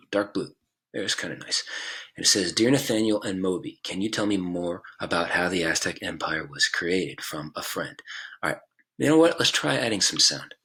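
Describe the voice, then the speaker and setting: A man's voice: lowish voice, vocal fry, bright, forceful tone, slightly rough. A male teacher giving a casual screen-recorded tutorial, talking through each click at a computer mic.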